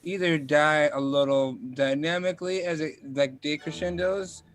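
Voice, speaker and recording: A man giving casual musical feedback in halting, tentative phrases during a studio session. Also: fairly high pitch, fairly even intonation.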